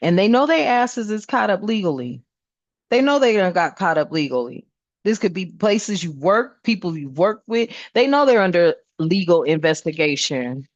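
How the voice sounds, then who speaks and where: A woman's voice: fairly low pitch, very animated, moderate pace, no room sound. A woman giving a casual spiritual tarot reading, talking bluntly and emphatically and swearing often. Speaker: tarot reader. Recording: dull lo-fi dry sound.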